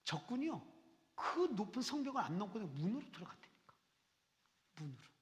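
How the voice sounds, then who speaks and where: A woman pastor preaching a Sunday sermon in a church, swinging between fervent, pleading outbursts and hushed, whispered passages. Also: mid-range voice, big pitch swings, a little fast. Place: church sanctuary. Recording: long church reverb.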